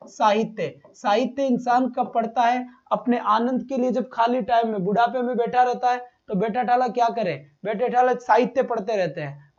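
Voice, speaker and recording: In a live online exam-prep class, a man rapid-fires questions at his students, repeats every point, and calls them "beta." His voice is extremely high and slightly mellow, and the audio sounds dull.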